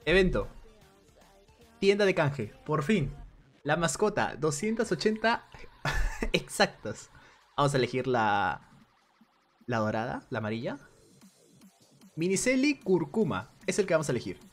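A man's voice: fairly high pitch, big pitch swings, a little slow, pauses often, fairly bright tone, faint music behind. A man giving casual gameplay commentary for a video game guide, thinking aloud as he plays in a chatty, conversational way.

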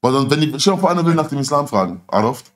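A middle-aged livestream host talks rapid-fire in a sing-song, medium-pitched voice from a small, dim indoor studio. He chats casually and tells animated stories in street slang, insistently repeating himself for emphasis.

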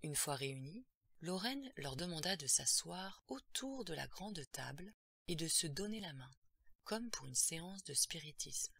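A woman's voice: low voice, lively intonation, a little slow, gravelly, fairly bright tone, slightly rough, no room sound, studio quality. A woman narrating a horror audiobook in a tense, dramatic storytelling manner.

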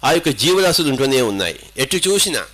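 Animated older man giving a spiritual talk. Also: a little high, fast talker. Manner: emphatic, repetitive, rhetorical questions, mixing in English and Hindi. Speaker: spiritual teacher. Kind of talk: spiritual discourse.

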